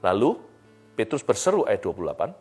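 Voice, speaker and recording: A man preaching a sermon on a live stream, swinging between soft and loud delivery and mixing in English phrases. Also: on the low side, very animated, quick pace, breathy edge, soft background music. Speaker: pastor.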